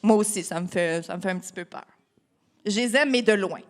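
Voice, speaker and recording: A woman's voice: mid-range voice, brisk. A woman with a Québécois French accent reading a story to children at storytime, playful and chatty with her audience. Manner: playful, asks the children questions, laughs often. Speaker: storytime reader.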